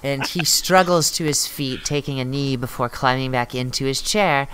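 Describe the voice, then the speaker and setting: Very low-voiced woman game master. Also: steady tone, normal speed, background noise. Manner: informal, reacting to the dice rolls. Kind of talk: narrating a tabletop game.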